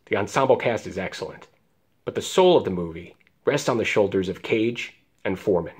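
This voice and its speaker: An American man with a fairly low voice hosts as a film lover would. He presents to viewers in a prepared, scripted way. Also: lively intonation, a little fast, slight background noise. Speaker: host, filmmaker.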